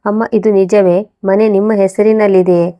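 A woman's voice: medium pitch, flat delivery, moderate pace, no room sound, lo-fi sound, natural voice. A woman reading a confused grown son. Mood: hesitant.

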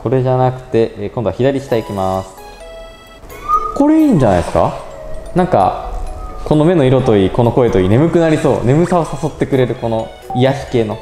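A man's voice: mid-range voice, big pitch swings, a little fast. A young man chatting casually as he walks through a phone app step by step, politely narrating each move and thinking aloud. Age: young adult. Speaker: presenter of a robot pet channel. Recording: echoey indoor room with faint music.

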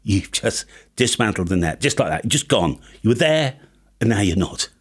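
This British ham radio YouTuber, in his fifties, has a voice on the low side with a breathy edge and a sing-song lilt, speaking at a normal speed. He delivers a chatty, tongue-in-cheek comic monologue to camera from a small acoustically treated home studio, using a boom-arm studio microphone.

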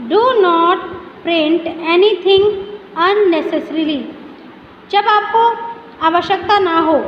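A high-voiced woman teacher talks young pupils through a revision lesson. She poses questions and answers them herself. The audio is dull and lo-fi, with a long echo and faint hiss behind her. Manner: explains each point in Hindi, often asks the class questions and answers them herself. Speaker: school teacher. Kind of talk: recorded revision lesson for children. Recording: echoey room, dull lo-fi audio with faint noise.

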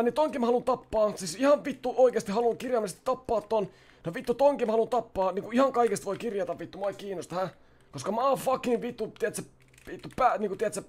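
A man playing a brash, foul-mouthed young criminal in a game roleplay, loud and frantic, swearing and threatening. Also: very high voice. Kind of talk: GTA roleplay, in-character shouting and swearing.

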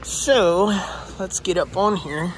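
A man casually filming a first-person walkthrough vlog in a large indoor boat showroom, talking in an excited, exclaiming, chatty way. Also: high-pitched, takes it slowly, noisy background. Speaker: fishing vlogger touring a boat.

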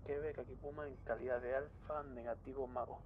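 A man's voice: medium pitch, steady tone, a little fast. A man giving clipped, formal radio calls as a radio operator in a military game, heard over a radio channel. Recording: tinny radio line with loud static.

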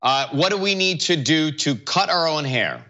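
A man co-hosts from his home kitchen, his bright, slightly high voice swinging up and down as he asks questions eagerly. He sounds relaxed and chatty on the video call. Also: moderate pace, lo-fi sound. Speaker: talk show co-host. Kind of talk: casual chat over video call.

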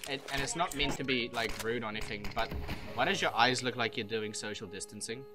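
A man's voice: medium pitch, brisk, music in the background. A man trash-talking his teammates in game voice chat, crude and mocking. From not from the UK. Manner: taunting, crude and loud when laughing. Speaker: gamer in team voice chat.

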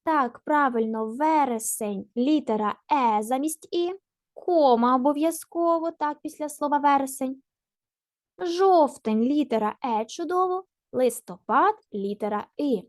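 A woman's voice: sits high, unhurried, no room sound, clean studio sound. A woman teacher giving a primary school language lesson, patient and encouraging, asking questions and answering them herself. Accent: Ukrainian.

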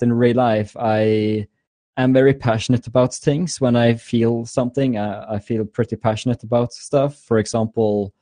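A Norwegian man in his twenties, appearing as a guest YouTuber in a casual interview, answers questions eagerly, often repeating words and laughing. His voice is medium-pitched and mellow, with no echo.

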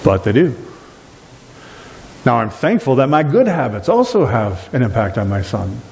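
A middle-aged man preaching a sermon as pastor of a small church, animated and gesturing widely. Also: mid-range voice, moderate pace, vocal fry. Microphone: far camera at back of room. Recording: long reverb from a church hall.

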